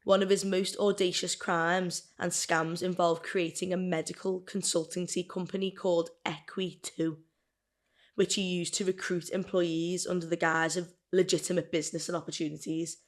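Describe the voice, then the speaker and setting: Burping and hiccuping as she goes, a podcast co-host with a lowish, flat voice reads a true-crime case from her notes at normal speed. She keeps it casual and chatty, occasionally tripping over words.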